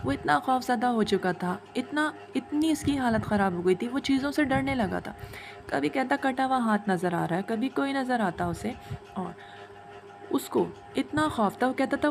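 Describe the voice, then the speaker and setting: A high-pitched woman tells a horror story with an anxious, fearful edge, voicing several of its characters herself. Soft music plays faintly behind her voice.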